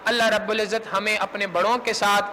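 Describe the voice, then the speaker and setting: A man's voice: sits high, level tone, pushed and bright. A man with a Pakistani Urdu accent preaching a sermon in a large mosque, telling stories and acting out the dialogue with passion. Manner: impassioned, quotes figures in dialogue. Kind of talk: sermon storytelling. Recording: reverberant mosque hall, faint hum.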